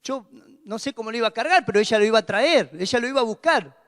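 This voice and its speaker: A man preaching a sermon, emphatic and repetitive, swinging from loud exclamations to hushed tones. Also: very high-pitched, expressive, fast. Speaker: pastor. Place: church hall. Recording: long hall reverb.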